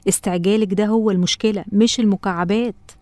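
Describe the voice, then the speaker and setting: A woman with an Egyptian accent voicing a loving, patient mother in a cartoon, talking gently and coaxingly. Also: medium pitch, steady tone, fast, no echo, studio quality, natural voice. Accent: Egyptian Arabic. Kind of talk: cartoon voice acting.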